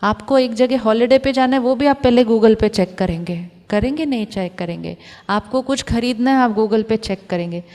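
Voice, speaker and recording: A woman giving a calm, reflective spiritual talk to an audience of doctors, asking them questions and mixing in English phrases. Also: fairly high pitch, normal speed, long reverb tail. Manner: mixes Hindi with English phrases. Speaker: spiritual teacher.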